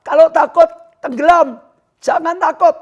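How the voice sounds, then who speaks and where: A man preaching a livestreamed sermon, shouting fervently at times and then dropping to a quiet voice. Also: very high voice, fairly even intonation, a little slow, muffled recording. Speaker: pastor.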